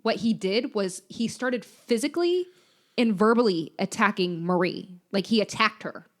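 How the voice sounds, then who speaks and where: A woman's voice: mid-range voice, animated, normal speed. A young woman co-hosting a podcast, casually recounting a true crime story and laughing often between lines. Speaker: podcast co-host.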